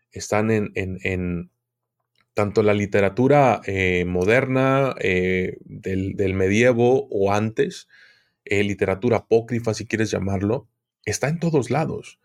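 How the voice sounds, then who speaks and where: With a fairly low pitch, a man appearing as an occultism expert in an interview gives long explanations, often repeating words while he searches for them.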